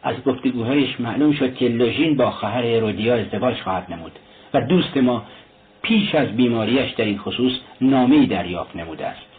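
A man's voice: medium pitch, expressive, natural voice. A man voicing an earnest young male friend who speaks in a worried, confiding way. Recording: tinny lo-fi recording, faint hiss.

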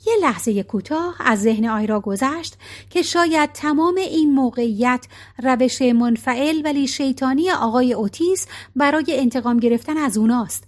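Woman, high voice, audiobook narration, calm even storytelling. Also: few pauses.

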